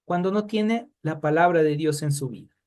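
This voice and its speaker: A man's voice: fairly high pitch, normal speed, a little mellow. A man teaching a Bible study class in a conversational way, asking his students questions and addressing them by name.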